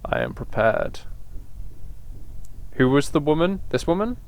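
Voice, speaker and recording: A man's voice: fairly high pitch, sing-song, measured pace, vocal fry. A man casually commenting through a video game, wry and playful, trying out voices for the characters. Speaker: let's play gamer.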